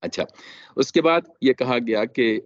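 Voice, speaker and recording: A Quran teacher with a medium-pitched voice speaks slowly but very animatedly, with no echo in the dull, dry, lo-fi recording. His religious lecture explains scripture through recited verses and key phrases repeated for emphasis.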